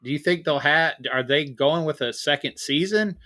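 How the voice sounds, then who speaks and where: A man co-hosting a podcast in casual chat, eager and quick to laugh. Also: a little high, pushed and bright. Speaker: podcast co-host.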